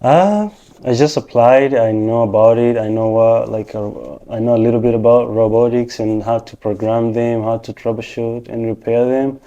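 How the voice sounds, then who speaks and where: Man, very dark mellow tone, patient explainer, interview guest. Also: medium pitch, steady tone, normal speed, highs cut off. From Rwanda. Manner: patient, explanatory, steps through points one by one. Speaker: interview guest, technician and financial professional. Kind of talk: casual interview answers.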